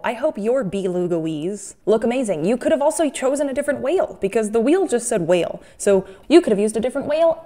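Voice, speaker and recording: A woman's voice: mid-range voice, mellow. A woman hosting a casual craft video, chatting in a playful, jokey, self-mocking way. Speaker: host of an art-making video series.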